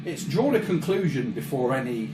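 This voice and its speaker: A man's voice: mid-range voice, very animated, normal speed, reverberant, background noise. A man co-hosting a casual chat that mocks a film, talking in a blunt, sweary, scornful way. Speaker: co-host.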